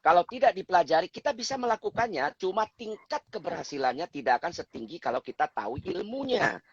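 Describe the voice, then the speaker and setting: A man's voice: sits high, big pitch swings, fast, husky, dry recording. A man as the guest expert on a talk show, lecturing on communication and acting out example phrases in different tones. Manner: lecturing, acts out example phrases with changing intonation. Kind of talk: explanatory talk show chat. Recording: dull lo-fi recording.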